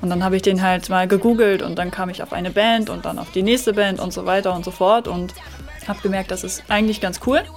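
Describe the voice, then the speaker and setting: A woman's voice: mid-range voice, fairly even intonation, fairly quick, faint music behind. A woman from northern Germany chatting in a casual interview in an easygoing way. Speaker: dancer in a dance group.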